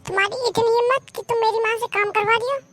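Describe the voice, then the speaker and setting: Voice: extremely high pitch, fairly even intonation, fast, fairly bright tone, no echo. A voice actor playing a stern young husband in a cartoon, sounding bossy. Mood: angry. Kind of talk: cartoon voice acting.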